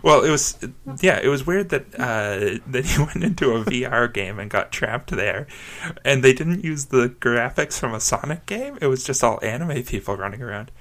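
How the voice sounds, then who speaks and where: A man in casual joking chat, deadpan and playful, laughing often. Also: mid-range voice, normal speed, few pauses.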